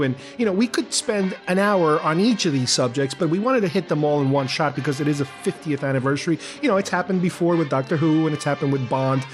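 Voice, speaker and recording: Chatty male podcast host. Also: a little high. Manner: laughs along, quick asides. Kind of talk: casual chat.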